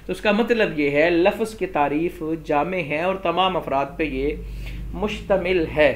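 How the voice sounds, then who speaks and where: A man with a Pakistani Urdu accent, teaching a classroom grammar lesson and explaining step by step as he raises and answers objections. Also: on the high side. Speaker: Islamic scholar teaching Arabic grammar.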